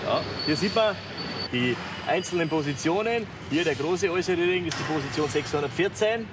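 A man's voice: fairly high pitch, expressive, brisk, noisy background. A man, a workplace trainer, walking apprentices through a plan step by step. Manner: practical, pointing things out step by step. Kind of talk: instructing apprentices.

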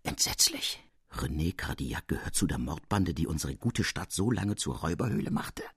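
A man voicing a horrified older noblewoman in a storybook reading, speaking low and hushed. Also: sing-song, moderate pace, breathy edge, dry recording, studio quality, heavily acted. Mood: aghast.

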